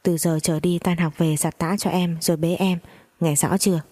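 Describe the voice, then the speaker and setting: Lady reading as an angry mom yelling curses, fast, low dark husky tone. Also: level tone, lightly acted. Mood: bossy. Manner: screaming, fast and cursing. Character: furious protective mother, older woman.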